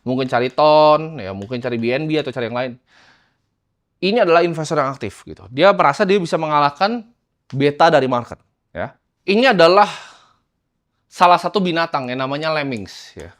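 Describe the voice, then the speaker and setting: Man, fairly high voice, casual investing teacher, chops lines into short bursts. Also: expressive, fairly quick, pauses often, fairly bright tone. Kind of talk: casual lecture over slides.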